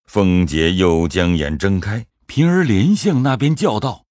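A man narrating an audio drama in a measured storytelling manner. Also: deep voice, a little mellow, no echo, clean studio sound.

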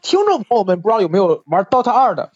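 A podcast co-host chatting casually about a comedy show, animated and laughing often. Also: mid-range voice, fast talker, slightly rough, dull audio. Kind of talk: casual chat commentary.

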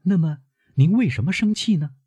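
A man's voice: a little high, animated, normal speed, mellow, slightly rough, no echo, pitched above the performer's own voice. A man voicing an anxious, devoted young granddaughter who keeps pressing her questions urgently. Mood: anxious pleading.

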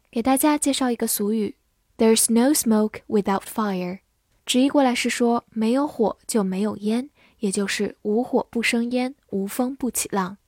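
A woman with Mandarin as her first language teaching English vocabulary in a scripted lesson, reading sentences slowly and spelling words letter by letter. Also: a little high, darkish tone, no room sound, studio quality. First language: Mandarin Chinese.

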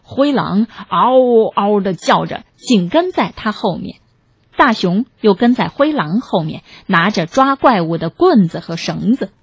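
Animated woman reading a children's story. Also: mid-range voice, measured pace, husky, no echo, highs cut off. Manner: animated, gentle.

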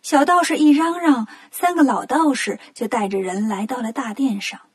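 A woman narrating a children's story in a lively, animated way. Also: high voice, moderate pace, husky.

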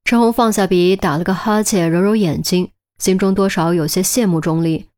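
A woman reading a crime audiobook in a steady storytelling manner. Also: on the low side, normal speed. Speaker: audiobook narrator. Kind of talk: scripted audiobook narration.

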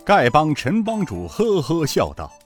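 A man narrating a serialized martial-arts story in an expressive, animated way. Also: on the high side, a little slow, breathy edge, soft background music.

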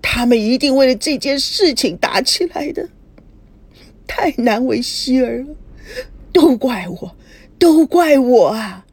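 A woman's voice: high voice, unhurried, no room sound, voice pushed up. A woman doing a tearful old grandmother. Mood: weeping guilt. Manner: tearful, quavering. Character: grieving elderly grandmother, fragile and tearful.

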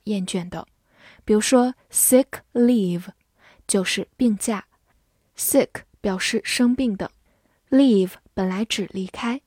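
A woman teaching English vocabulary in a scripted lesson, spelling each word letter by letter and reading example sentences slowly. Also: mid-range voice, darkish tone, no room sound, clean studio sound.

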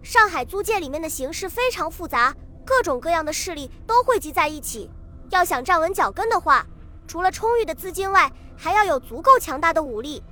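A woman's voice: extremely high pitch, big pitch swings, a little fast, sharp tone, heavily acted. A woman reading the lines of a confident, dismissive older male official in a novel, speaking in a self-assured, offhand way.

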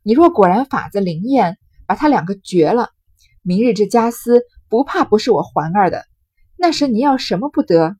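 A woman reading aloud and voicing a resentful, scheming middle-aged concubine who urgently pleads and persuades, in a husky voice. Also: mid-range voice, lively intonation, normal speed, darkish tone, dry recording.

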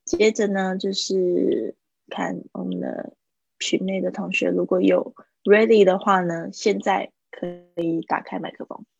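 A woman teacher leads a live-streamed English lesson, explaining phrases and repeating key words slowly. Her voice carries a gravelly, slightly husky edge. The sound is close and dry. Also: medium pitch, flat delivery, darkish tone, dry recording, highs cut off. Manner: patient explaining, drills pronunciation by repeating words.

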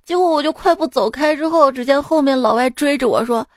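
A young woman from Xi'an hosting a comic podcast, telling jokes in a playful, animated way and slipping into local dialect for punchlines. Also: high voice, fairly quick, no echo, studio quality. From Xi'an, China. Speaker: radio comedy podcast host. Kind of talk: scripted comic storytelling. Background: background music.

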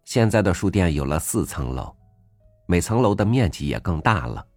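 A man hosting a reading program, narrating a first-person essay in a gentle, reflective way. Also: sits low, very animated, normal speed, no room sound. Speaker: audiobook host reading an essay. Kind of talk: scripted narration. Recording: dry studio voice over faint music.

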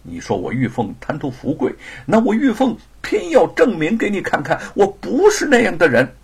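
A man voicing a devoted young wife in an audiobook, speaking higher and in an emotional, pleading manner. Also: huge pitch swings, moderate pace, creaky, husky, exaggerated voice. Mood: determined.

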